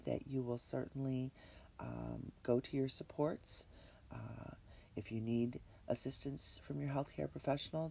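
A host talking the listener through a relaxation exercise in a slow, halting, soft delivery. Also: mid-range voice, creaky, husky. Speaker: podcast host.

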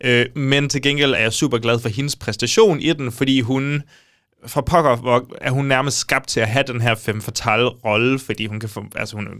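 A man's voice: mid-range voice, fairly even intonation, fairly bright tone. A man co-hosting a podcast, chatting casually and thoughtfully about a film, with some stumbles. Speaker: podcast co-host. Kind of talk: casual film review chat.

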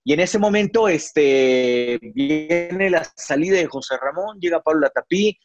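Slightly high man, reminiscing. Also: unhurried, faint music behind. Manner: reminiscing, with frequent fillers and restarts. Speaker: sportscaster guest. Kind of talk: reflective interview storytelling. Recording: dry, slightly dull recording.

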